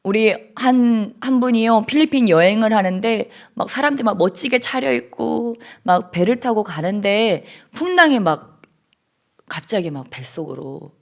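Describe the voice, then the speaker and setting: Woman pastor in church, sermon voice, wide swings from hushed to loud praise. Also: on the high side, expressive, moderate pace, gravelly.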